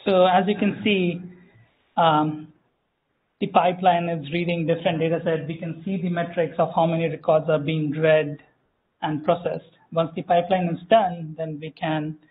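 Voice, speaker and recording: A man giving a live software demo at a tech meetup, explaining step by step with frequent fillers and self-corrections. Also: a little high, level tone, normal speed. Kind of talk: live conference demo walkthrough. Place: meetup room, small audience. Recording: tinny phone-like room audio.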